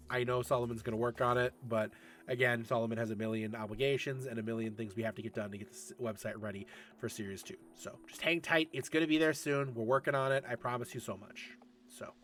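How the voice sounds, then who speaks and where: A man's voice: medium pitch, steady tone, fast talker, a bit bright. Chatty man in his thirties hosting a stream. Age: 30s. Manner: chatty, answers chat questions, laughs often. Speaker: esports league host. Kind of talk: casual livestream Q&A.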